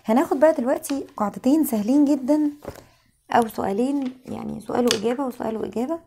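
An Egyptian woman gives an online English lesson, her voice sounding tired and a little strained. She stretches out each word and says it again and again so learners can repeat it. Her tone stays mellow and relaxed. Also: sits high, gravelly, a little hiss or hum. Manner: repeats words slowly, drawn out for drilling. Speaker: English teacher.

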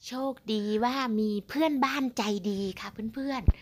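A woman's voice: high-pitched, normal speed, slight background noise. A Thai woman who talks in a chatty way in her home vlog and coos in baby talk to her dogs. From Thailand. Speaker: vlogger. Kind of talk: casual vlog narration.

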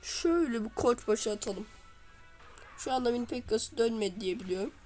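Excitable woman commenting her gameplay. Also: fairly high pitch, fairly quick, faint music behind, poor audio. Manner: excitable, cheers and scolds on-screen units. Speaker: gamer.

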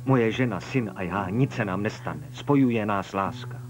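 A man's voice: on the low side, close to an everyday voice. A man dubbing a defiant young husband and father in a drama. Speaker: dubbing actor. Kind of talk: dubbed telenovela acting.

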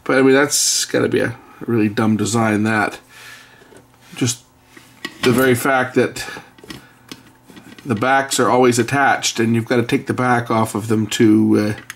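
Here a middle-aged repair video host speaks a little slowly in a mid-range, steady voice with vocal fry. Working by hand at an indoor workbench, he keeps up a casual, blunt, somewhat grumbling commentary, with faint background noise and clicking audible.

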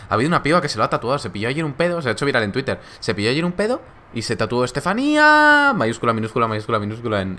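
A man's voice: fairly low pitch, fairly bright tone. Joking young man streaming. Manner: laid-back, joking, laughs often. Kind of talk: casual live-stream chat reading viewer comments.

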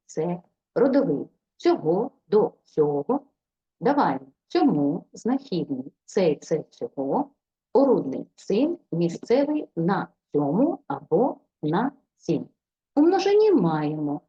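A woman's voice: mid-range voice, mellow, slightly rough, dull audio. A woman language teacher giving an online exam-prep lecture, methodically reciting grammatical forms one by one.

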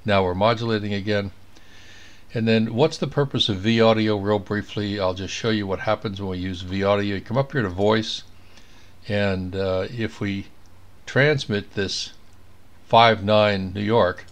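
Indoors at his computer, a man gives a casual screen tutorial as an amateur radio operator, thinking aloud as he works. He speaks unhurriedly in a lowish voice with fairly even intonation.

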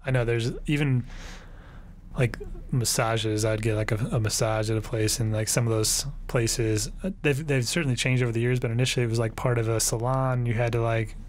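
A male host asks long, meandering questions in an even voice that barely rises or falls. His pitch sits mid-range. A faint hum runs underneath. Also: fairly quick. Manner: rambling questions, many fillers. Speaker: podcast host. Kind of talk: casual interview chat.

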